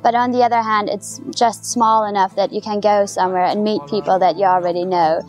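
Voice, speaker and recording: A German-born woman in her twenties, a student, explaining things calmly in a documentary interview, English not her first language. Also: mid-range voice, a little fast, soft background music. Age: 20s. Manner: calm, explanatory, with fillers.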